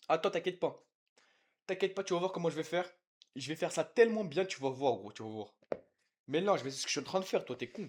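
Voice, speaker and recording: Young guy streaming from his kitchen, high voice, loud and jokey, swears at chat a lot. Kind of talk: casual live-stream chat while cooking. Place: home kitchen.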